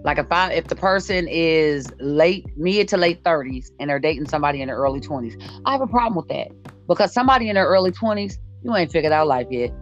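Talking fast with lively intonation, this low-voiced podcast host in her late forties keeps the chat casual but blunt, driving points home through repetition. Music plays behind a dull, lo-fi recording.

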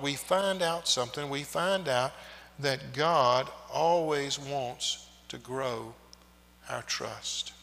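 A pastor leads the congregation in prayer, a man with a bright, forceful tone who speaks very slowly. His measured phrases trail off quietly and ring out in a long cathedral echo. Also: medium pitch, a little hiss or hum. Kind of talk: leading liturgy and prayer. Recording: long echoing reverb of a large church.

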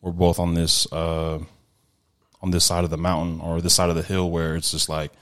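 A man with a very low voice speaks sincerely and at length, stopping and restarting as he looks for the words. The tone stays conversational and unhurried. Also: completely flat delivery. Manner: earnest, halting with restarts. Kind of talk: casual interview chat.

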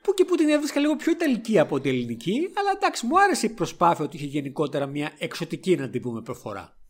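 A man with a Greek accent, co-hosting a podcast and recapping a film in a casual, animated way. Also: on the high side. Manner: lively storytelling recap with frequent laughs. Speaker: podcast co-host.

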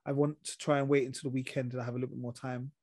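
A man's voice: mid-range voice, level tone, racing, darkish tone. A man with an urban London roadman accent and slangy delivery, hosting a casual chat reviewing TV shows. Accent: London, urban street slang. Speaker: podcast host.

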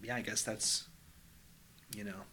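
A man in his thirties, a podcast guest, chatting casually and telling animated stories. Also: fairly low pitch, a little slow, slight background noise. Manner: animated storyteller who slips into mimicked voices. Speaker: podcast guest, drag performer.

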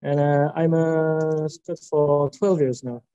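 A man in his twenties with a French accent, answering panel questions haltingly. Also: fairly high pitch, steady tone, dark tone, smooth, dry recording, rough recording. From France. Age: 20s. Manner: halting, many filler sounds and restarts. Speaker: youth scout representative. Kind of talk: panel interview.

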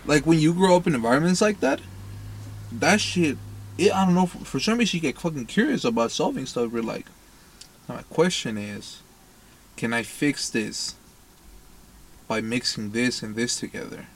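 A man's voice: medium pitch, lively intonation, moderate pace, long pauses, husky. A man from Mexico chatting casually, joking and sarcastic, swearing often. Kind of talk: casual profane chat.

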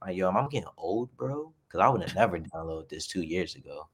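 A low-pitched, expressive, somewhat rough male voice talking a bit fast, with a New York accent. He's a wrestler in his twenties from the Bronx, appearing as a guest in a casual chat full of slangy, hyped street talk, calling everyone bro.

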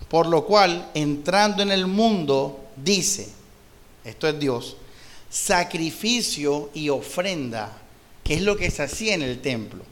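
A Colombian man preaching an expository sermon, reading scripture aloud and then explaining it, often posing a question and pausing for the answer. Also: a little high, a bit bright. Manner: poses rhetorical questions and pauses for the answer. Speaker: pastor.

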